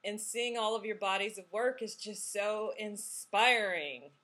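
A woman's voice: medium pitch, measured pace. A woman who founded a guitar magazine, interviewing a guest over a video call and often affirming what she says. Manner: warm, affirming, frequent backchannel.

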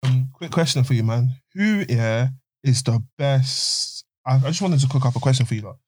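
A man's voice: medium pitch, expressive, normal speed, a little mellow. A man with an urban London roadman accent and street slang, chatting casually as a podcast host in a group. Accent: London, urban roadman-style slang.

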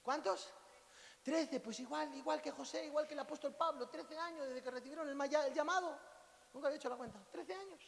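Un pastor con acento de España que predica contando historias con humor y gritos repentinos. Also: male voice, extremely high pitch, a little fast, vocal fry. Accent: Spain Spanish. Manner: storytelling, sudden loud cries and laughs. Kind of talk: lively sermon with jokes. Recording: long hall reverb, faint hiss.

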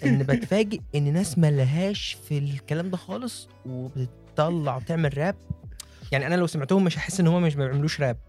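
A man's voice: a little high, very fast, darkish tone, soft background music. A man with an Egyptian accent in casual comic chat, with a teasing, mock-aggrieved way of talking.

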